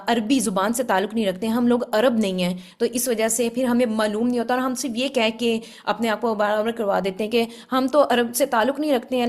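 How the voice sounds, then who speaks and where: A woman giving a religious lesson on Quran recitation, explaining patiently and often checking with her listeners. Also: a little high. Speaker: Quran tajweed teacher.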